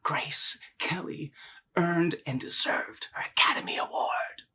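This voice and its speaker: A theatrical, bitter young man in a mockumentary confessional, stumbling over his words and doubling back on every phrase. His voice is bright and forceful, set at a middling pitch for a man. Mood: distraught. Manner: halting, stammering, repeats words. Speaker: interview subject in a mockumentary.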